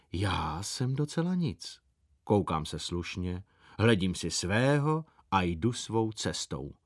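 A man's voice: lowish voice, no room sound, clean studio sound. Man doing a pompous boy war chief. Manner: solemn, pompous war speech. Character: excited boy gang leader rallying friends.

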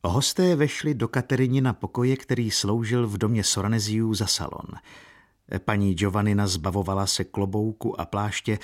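Male narrator, low husky voice, lyrical and unhurried reading. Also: darkish tone. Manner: slow, lyrical. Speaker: audiobook narrator. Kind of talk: scripted narration.

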